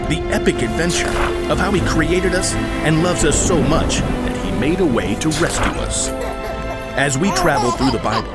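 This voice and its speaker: A man reading a scripted promotional introduction for a story series. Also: on the high side. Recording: loud music bed underneath.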